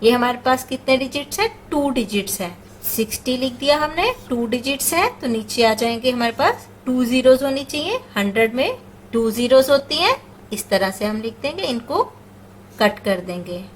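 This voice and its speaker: With a voice on the high side and lively intonation, a woman teaches math at a normal speed, patiently taking each step in turn and answering her own questions, number words threaded through her speech. The recording is rough, with slight background noise.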